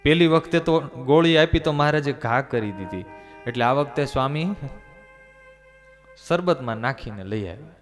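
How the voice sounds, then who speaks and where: A man preaching a devotional sermon, narrating expressively and dropping low for tender moments. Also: lively intonation, normal speed, pauses often, soft background music.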